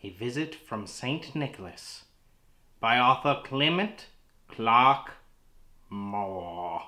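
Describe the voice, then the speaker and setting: A man playing a pompous, easily offended thespian in a horror host sketch, declaiming with grand dramatic pauses. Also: medium pitch, animated, bright, forceful tone. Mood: grandly dramatic. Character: pompous, easily offended theatrical male thespian reciting poetry. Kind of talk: hammy theatrical recitation in horror host sketch.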